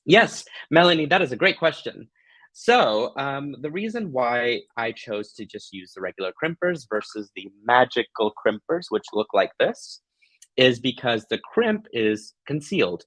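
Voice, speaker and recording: A man's voice: mid-range voice, very animated, measured pace, a bit bright, no room sound, poor audio. A man hosting a live craft tutorial, chatting casually to viewers in a gushing, affectionate, playful way. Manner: giggly, playful.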